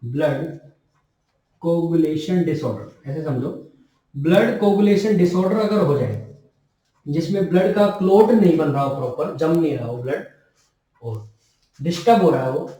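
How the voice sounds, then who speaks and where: With long pauses and a slightly slow pace, a man whose warm voice is fairly high in pitch lectures nursing students as their tutor. Key terms get repeated and he answers his own questions; the room echoes and the mic sits far away.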